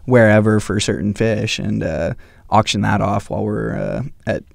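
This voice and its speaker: A man's voice: on the low side, normal speed, creaky, dry recording. A young man, a club officer, chatting enthusiastically in a podcast, rambling a little and saying "yeah, man" often, on a close studio mic. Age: young adult. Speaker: club officer, fundraising chair. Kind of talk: casual chat. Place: small indoor studio. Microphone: large studio mic on boom, headphones.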